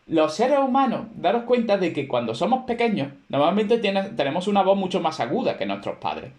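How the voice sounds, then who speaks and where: A male teacher lecturing his class in a chatty, explanatory way, his voice rising and falling with lively intonation. He often checks in with the students through quick rhetorical questions. The sound is roomy, like a classroom recorded from a little distance. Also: sits high. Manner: explanatory, conversational, with many fillers and rhetorical questions.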